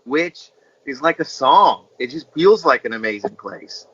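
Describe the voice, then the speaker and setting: A man with a bright, forceful voice rambles and teases, piling up "like" and "you know" as he riffs over a video call. The audio is dull and lo-fi, like a home video chat. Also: mid-range voice, big pitch swings, unhurried, breathy edge. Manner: rambling, teasing, heavy use of filler "like". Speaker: comedian. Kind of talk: comedic video-call banter. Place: indoor room at home.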